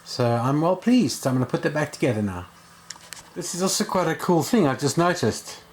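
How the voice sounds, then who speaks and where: This video host, a radio repair hobbyist, chats informally and thinks aloud through a hands-on repair vlog. He speaks at normal speed in a fairly high voice with big pitch swings. Clear background noise runs underneath.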